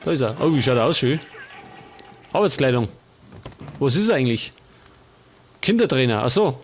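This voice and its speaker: A man's voice: mid-range voice, very animated, moderate pace. A man with a Bavarian accent casually commenting on a life-sim game as a let's play host, chatting and grumbling at the characters.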